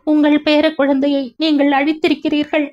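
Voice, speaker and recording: A woman's voice: sits high, little pitch movement, normal speed, voice pushed up, close to an everyday voice. A woman voicing a young pregnant woman, grief-stricken and furious, speaking in a distraught, accusing way. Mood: anguished fury. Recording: dull lo-fi recording.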